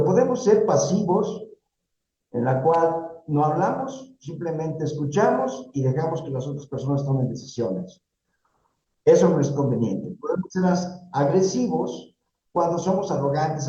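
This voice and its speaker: A man's voice: a little high, dark tone. A man with a Mexican Spanish accent giving a university workshop talk on job interviews, teaching with rhetorical questions and frequent tag questions. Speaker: career workshop speaker. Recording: roomy, dull sound.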